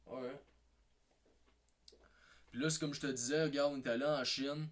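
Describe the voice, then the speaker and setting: A man's voice: mid-range voice, steady tone, normal speed. A man with a Québécois French accent telling a rambling comic anecdote, hesitant and repetitive, with many fillers and restarts. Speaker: comedy video maker.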